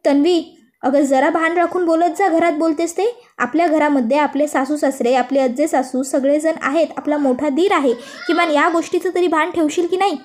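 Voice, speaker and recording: A stern middle-aged mother-in-law delivering a measured reproach, as a woman narrator puts her on. The voice is high and steady. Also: natural voice. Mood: reproachful.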